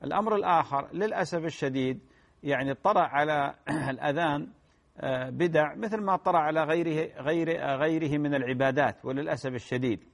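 A man answering listeners' religious questions in a measured lecturing manner, often repeating key phrases and clearing his throat. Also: a little high. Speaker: Islamic scholar answering questions.

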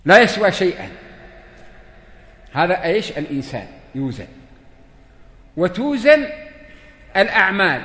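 A man's voice: fairly high pitch, fairly bright tone. A man, giving a religious lesson and putting questions to his listeners. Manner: questions the listeners, acts out dialogues. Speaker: religious teacher. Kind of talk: lesson to a seated audience. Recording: echoey hall.

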